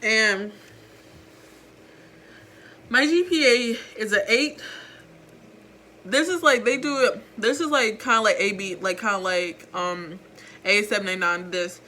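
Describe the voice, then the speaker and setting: Chatty teenage girl with a bright voice. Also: mid-range voice, takes it slowly, long pauses. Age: teens. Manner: rambling, chatty, self-mocking. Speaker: vlogger. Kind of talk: casual chat. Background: faint background music.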